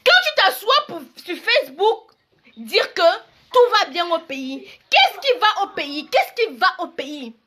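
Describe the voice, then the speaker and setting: Indignant young Cameroonian woman, high bright voice. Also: sing-song, measured pace. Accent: Cameroonian French. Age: 20s. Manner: indignant, scolding, repeats herself. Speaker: blogger. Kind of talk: live video rant.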